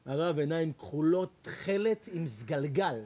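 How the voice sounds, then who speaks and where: A man's voice: a little high, expressive, mellow, pitched below the performer's own voice. A man voicing a naive, earnest young man reporting on a matchmaking date, within a sermon.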